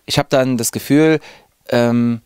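A radio presenter in his thirties from Zwickau, Saxony, Germany, speaks in a clear, resonant mid-range voice, a little slow, with no room sound. In a radio studio, holding a handheld reporter mic, he gives a lively, chatty, enthusiastic personal account to camera.

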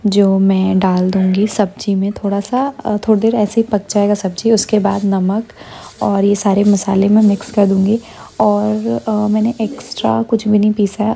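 A woman narrates a home cooking recipe in a hushed, slow voice, keeping quiet so a sleeping child is not woken. Her tone is gravelly and mellow, and her delivery stays flat and even. Faint noise sits under the recording. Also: mid-range voice. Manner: speaks softly and slowly because a child sleeps beside her; explains step by step, with fillers and self-corrections. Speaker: vlogger.

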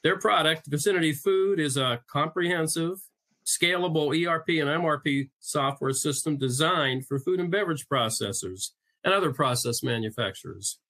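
A man's voice: a little high, normal speed, pushed and bright. A man, a magazine editor, opening and hosting a webinar with a scripted introduction and a light joke now and then.

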